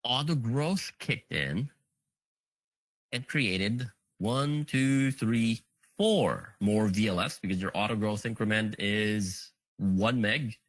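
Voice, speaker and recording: A man's voice: fairly low pitch, slow pace, dry recording, poor audio. A man presenting a technical session, talking through a live demo, counting items on screen and thinking aloud with frequent fillers. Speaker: conference presenter.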